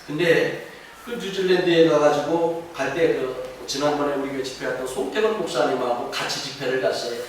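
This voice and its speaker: A middle-aged man preaching a sermon as pastor, telling stories and rising to fervent shouts. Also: a little high, a little fast. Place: church sanctuary. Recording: very echoey hall from far off, faint noise.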